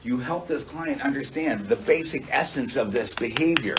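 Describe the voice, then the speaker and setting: A man lecturing counselors in a classroom, animated, swearing freely and checking constantly that students follow. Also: mid-range voice, moderate pace, noisy background. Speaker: instructor teaching counselors. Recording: dull roomy sound from far off.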